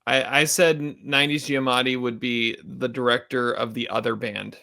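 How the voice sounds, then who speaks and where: A man's voice: medium pitch, level tone, moderate pace, creaky, pushed and bright, no room sound, clean studio sound. A man hosting a movie podcast in upbeat casual chat, steering the talk. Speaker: podcast host.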